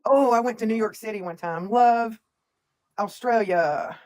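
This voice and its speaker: A woman's voice: fairly high pitch, a little slow, darkish tone. Chatty woman reading comments. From Tennessee, USA. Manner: chatty, reads out viewer comments. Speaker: livestream co-host. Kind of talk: casual livestream chat.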